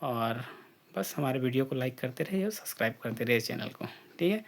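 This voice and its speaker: A man teaching an English phonics drill, spelling out letters and blending each sound slowly with repetition. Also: medium pitch, lively intonation, gravelly. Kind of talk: slow phonics drill lesson.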